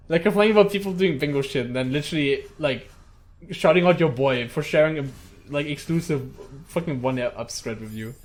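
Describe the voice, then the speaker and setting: A young man commentates a speedrun match on his own, casually, swearing often, laughing, and talking to viewers as a tournament commentator. His voice is on the high side at a moderate pace, with frequent pauses.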